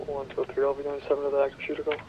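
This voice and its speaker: A man's voice: medium pitch, completely flat delivery. Man on a muffled police radio. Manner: clipped, brisk call-sign codes. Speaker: police officer in a roleplay game. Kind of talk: radio calls. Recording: muffled radio with faint hiss.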